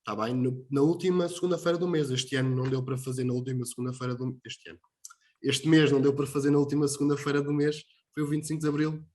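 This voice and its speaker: A man hosting an online talk session on a video call, friendly and relaxed. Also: medium pitch, fast. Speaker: host.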